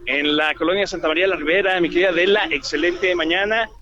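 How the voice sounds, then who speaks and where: A Mexican man reports news live from the field in a high, quick voice. The remote link is muffled, with clear noise around him. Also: bright, forceful tone.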